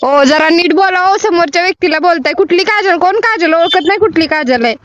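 A very high-voiced woman with a Marathwada Marathi accent banters as a prank caller. She answers with cheeky, scolding comebacks. The sound is dry and somewhat dull. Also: brisk, a bit bright, no room sound. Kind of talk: casual bantering prank call.

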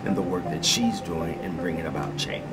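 A man's voice: low-pitched, fairly even intonation, moderate pace, over loud music. A middle-aged man, a university official, speaking fluently in an office interview.

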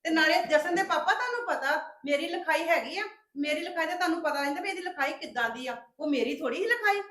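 Actress as a shrill, scheming sister-in-law in a family drama, taunting and accusing. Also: female voice, expressive, fast talker, fairly bright tone. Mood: indignant. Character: scheming sharp-tongued woman, sister-in-law of the household. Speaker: actor in a family web drama.

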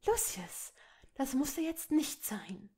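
A woman voicing a gentle, earnest noblewoman and mother in a fan fiction audiobook, pleading softly. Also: sits high, sing-song, takes it slowly, pitched above the performer's own voice, heavily acted.

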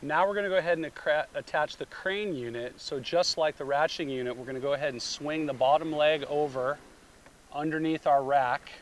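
A middle-aged man briskly explains a roof rack product step by step in plain language, his voice a little high. He's recorded on a camera mic outdoors at a beach beside a car for a product demonstration, with slight background noise.

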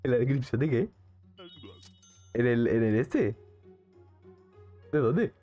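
A young man with a Mexican accent streams a game, joking around casually and answering his chat. His mid-range voice is expressive and slow, and the audio sounds dull with faint music behind.

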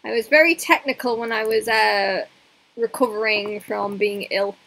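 A woman's voice: on the high side, fairly even intonation, moderate pace, vocal fry, fairly bright tone, rough recording. A young woman streaming a game, chatting casually and rambling in a self-mocking way to her viewers. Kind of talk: casual live-stream chat while gaming.

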